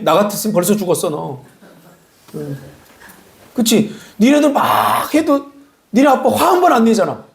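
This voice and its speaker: A man, a pastor, giving an animated sermon in a church and teasing members of the congregation by name. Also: high voice. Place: church sanctuary.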